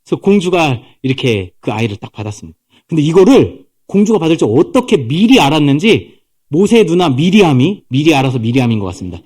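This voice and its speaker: A male pastor preaches with a fairly high voice. His pitch swings a great deal as he tells the story. He slips into character voices as he goes. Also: very animated, quick pace, a little mellow, slightly rough. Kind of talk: sermon.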